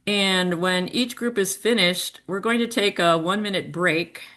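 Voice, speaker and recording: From her home, a woman hosts a virtual poetry reading over a video call, speaking into her computer mic. Her mid-range, fairly bright voice is measured as she gives polite, organized welcome remarks and instructions, with plenty of ums.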